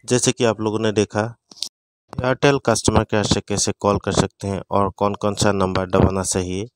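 A man's voice: lowish voice, level tone, moderate pace, smooth, no room sound. A man narrating a how-to video as its presenter. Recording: very noisy, insect-like chirping and clicks.

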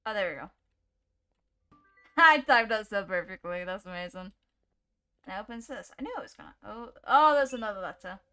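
A woman's voice: medium pitch, expressive, normal speed, long pauses, bright, forceful tone, clean tone. A woman giving casual let's-play commentary, jumpy and chatty, laughing often and talking to the game as she plays. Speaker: gaming YouTuber.

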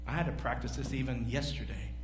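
A man's voice: mid-range voice, quick pace. A man in his forties, a pastor preaching a sermon to his congregation and asking them questions as he moves around a large church stage. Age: 40s. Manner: animated, pacing the stage and gesturing. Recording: echoey hall, faint hum.

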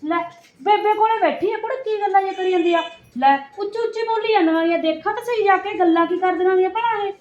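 A woman's voice: very high-pitched, fast talker, darkish tone, roomy sound, muffled recording. A woman acting a devout, chatty daughter-in-law in a comedy sketch.

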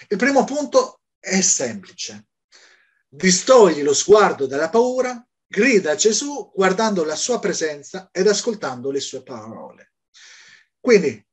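Animated high-voiced preacher. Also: male voice. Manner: animated, asks and answers his own questions. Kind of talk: Bible study sermon.

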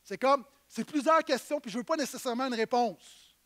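A male pastor, preaching a sermon in an animated, conversational way with asides to the congregation. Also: extremely high pitch, fairly quick.

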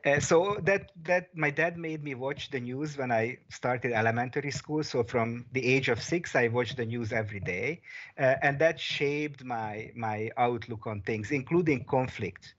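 A man in his forties from Hungary, speaking as a guest over a headset video call and pausing often with fillers. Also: mid-range voice, a bit bright. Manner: thoughtful, many fillers and restarts. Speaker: guest, peace researcher and consultant. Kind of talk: casual video call interview. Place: small room at home, indoors. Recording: slightly dull video call audio.

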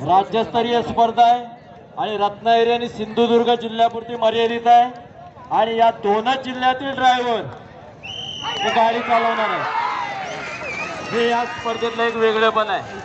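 A man calls a race over a public-address loudspeaker. His voice sits very high and barely moves in pitch as he reads out times and warnings in a steady cadence. The sound is dull and lo-fi, with a big crowd around the outdoor ground. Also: moderate pace, long pauses, very noisy. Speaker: race announcer. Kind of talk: live race commentary and results calling. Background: large crowd.

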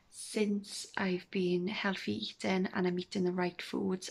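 A woman's voice: fairly low pitch, vocal fry. A woman, chatting casually in a day-in-the-life vlog, rambling and correcting herself. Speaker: vlogger. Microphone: phone at arm's length.

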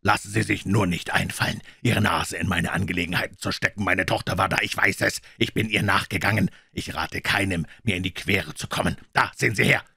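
A male reader voicing a huge, brutish older country doctor who shouts insults and threats in a raised voice. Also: sits low, steady tone, a little fast, vocal fry, hardly any pauses, breathy edge, dry recording, studio quality, full character voice. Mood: threatening. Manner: shouting, insolent and menacing.

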